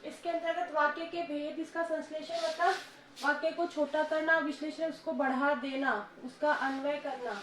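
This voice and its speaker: A woman with a high voice teaches a school grammar lesson. She scolds and coaxes her pupils to answer. The classroom sounds echoey, with faint noise behind. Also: little pitch movement, moderate pace, fairly bright tone.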